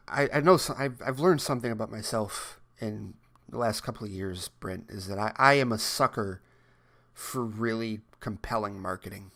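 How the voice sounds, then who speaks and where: A man's voice: lowish voice, bright, forceful tone. Rambling, laughing male podcast co-host. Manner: rambling, repeats words and restarts, laughs often. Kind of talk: casual chat.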